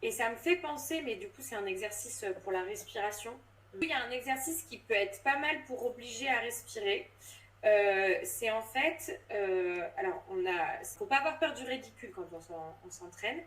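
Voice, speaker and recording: A woman's voice: fairly high pitch, animated, moderate pace, fairly bright tone. A woman in her thirties, a voice coach, explaining with lots of fillers and restarts in a casual interview. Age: 30s. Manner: hesitant, many fillers and restarts. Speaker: voice coach and drama teacher. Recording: roomy sound, distant from mic.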